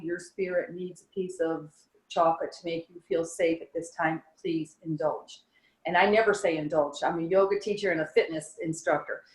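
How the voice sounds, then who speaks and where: A woman, a yoga and fitness instructor, eagerly giving wellness advice in a casual interview. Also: fairly low pitch. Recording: roomy echo.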